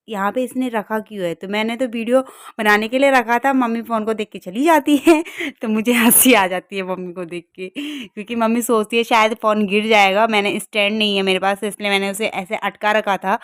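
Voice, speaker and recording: A woman's voice: medium pitch, fairly even intonation, a little fast, clean tone, dry recording, studio quality. A woman in her thirties giving a chatty, cheerful running commentary on her family day for a vlog. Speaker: vlogger. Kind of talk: casual vlog narration.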